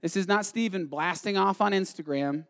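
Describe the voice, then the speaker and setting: A man preaches to his congregation in a high-pitched voice. He tells the story with animated energy, acts out the voices and swings between loud passages and hushed ones. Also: moderate pace. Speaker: pastor. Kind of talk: sermon.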